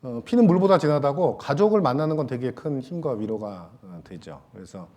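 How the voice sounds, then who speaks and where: A male pastor giving a Sunday sermon in a church, talking casually and joking with the congregation, with many soft fillers and trailing pauses. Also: medium pitch, expressive. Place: church sanctuary.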